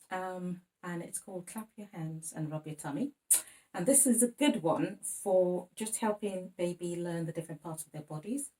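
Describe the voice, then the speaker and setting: A woman explaining and singing lap rhymes for babies in a chatty, gentle way with many ums. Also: deep voice, recorded from a distance. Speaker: music teacher. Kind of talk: demonstrating baby lap songs and rhymes.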